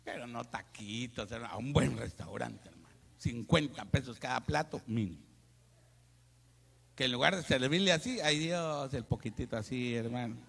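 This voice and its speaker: A man, a pastor, preaching a lively sermon full of jokes and asides, calling his listeners brother. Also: mid-range voice, moderate pace, vocal fry. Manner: animated, joking, addresses listeners as brother. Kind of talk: lively Spanish sermon with humor. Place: church hall. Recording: long church reverb.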